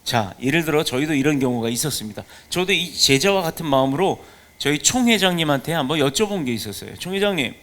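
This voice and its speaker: A man delivers a sermon as pastor, with a voice pitched high for a man. He speaks with emphasis and keeps putting rhetorical questions to his congregation. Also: expressive, quick pace, fairly bright tone.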